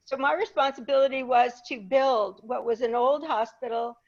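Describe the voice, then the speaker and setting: An older woman raised in Peru, appearing as a guest speaker, shares funny, chatty, self-deprecating stories from her life with a live audience. Her high-pitched voice holds a steady tone at normal speed, and the audio has its highs cut off.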